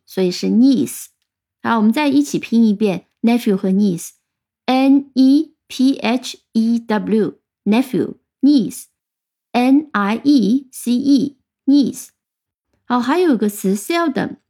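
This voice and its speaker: Mellow-voiced woman teaching English words. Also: fairly high pitch, husky. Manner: patient, spells out words letter by letter. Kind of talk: vocabulary lesson.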